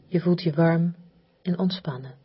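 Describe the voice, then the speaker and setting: A woman guides a relaxation exercise in a very breathy, soft voice that often sinks toward a whisper. She speaks slowly and hypnotically, soothing and repetitive, leaving long pauses. Her pitch is on the low side, and the recording is slightly muffled.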